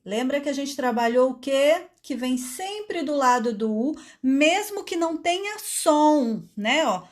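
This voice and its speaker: A woman leads a phonics lesson for adult learners, sounding out syllables slowly and patiently. Her voice sits high. She takes her time over each word. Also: animated. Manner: patient, drawing out syllables one by one. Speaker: adult literacy teacher.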